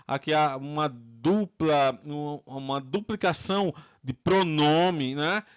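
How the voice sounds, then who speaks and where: A Brazilian man with a Brazilian Portuguese accent teaching English grammar, drilling students with repeated prompts and modeling phrases slowly. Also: fairly high pitch, smooth, dull audio. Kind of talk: online English lesson.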